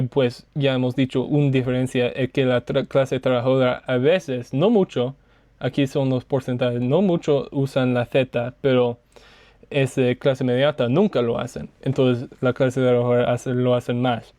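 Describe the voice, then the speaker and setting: Guy w/ a giving a class slide talk, flat even voice, lots of ums and restarts. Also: medium pitch, moderate pace, no echo. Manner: hesitant, many fillers and self-corrections. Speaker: student presenter.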